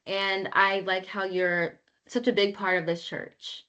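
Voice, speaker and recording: A woman's voice: medium pitch, flat delivery, unhurried, pushed and bright. A teenage girl interviewing with brief, encouraging replies. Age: teens. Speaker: interviewer, youth member. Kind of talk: casual conversation.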